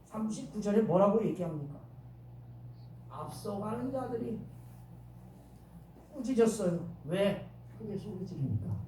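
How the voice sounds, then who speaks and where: Korean pastor with a Chungcheong accent, very echoey. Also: male voice, high-pitched, lively intonation, measured pace, long pauses, slight background noise. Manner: dramatic, acts out shouted quotes, asks the congregation questions. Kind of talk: sermon. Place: church sanctuary. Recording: very echoey church from a distant mic.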